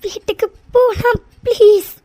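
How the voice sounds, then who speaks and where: A woman's voice: very high-pitched, steady tone, measured pace, warm tone. A woman voicing cartoon women, one hurt and one a grieving mother, in tearful, pleading tones. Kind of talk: cartoon voice acting.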